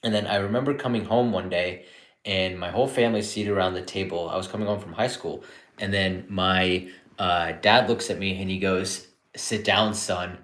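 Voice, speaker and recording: A man in his thirties talks casually through a live-stream Q&A as a psychiatrist, relaxed and chatty, restarting his sentences often. His voice sits fairly low. The room around him is echoey. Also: moderate pace. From born in India, grew up in Canada. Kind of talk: casual live-stream chat answering viewer questions.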